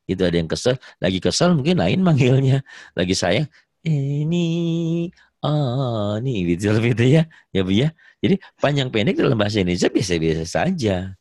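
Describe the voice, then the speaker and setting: A man teaching Quran reading in an online lesson, patiently modelling the recitation with drawn-out vowels. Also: mid-range voice, sing-song, darkish tone, dry recording, studio quality. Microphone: video call.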